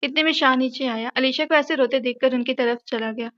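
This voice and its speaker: A woman narrating a romantic audio novel in a steady storytelling manner. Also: sits high, brisk, lo-fi sound.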